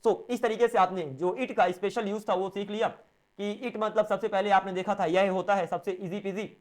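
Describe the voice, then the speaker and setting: A man's voice: sits high, fairly even intonation, moderate pace. A man with an Indian accent teaching a spoken English lesson, mixing Hindi and English. He explains step by step and asks and answers his own questions.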